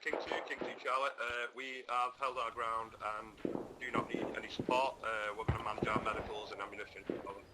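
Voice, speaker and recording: Man on a radio, clipped military calls, loud gunfire behind him. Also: medium pitch, level tone, fast, very noisy. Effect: over a radio. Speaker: squad leader calling in. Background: gunfire and artillery.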